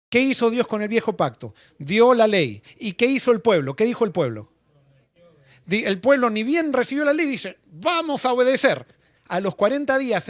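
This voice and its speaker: A man's voice: sits high, no room sound. A male pastor leading an interactive Bible study, asking the class questions and repeating their answers.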